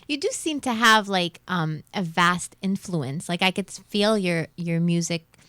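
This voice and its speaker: A woman's voice: fairly low pitch, a little slow, fairly bright tone, no echo. A woman hosting a radio interview, enthusiastic and playful, asking eager follow-up questions. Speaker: radio show host. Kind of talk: casual interview chat.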